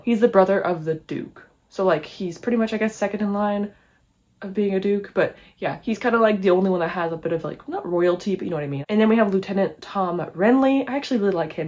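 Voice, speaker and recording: Fast-talking chatty young woman. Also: medium pitch. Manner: chatty, frequent "like" fillers, wry and sarcastic asides. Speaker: book reviewer. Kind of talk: casual book review vlog.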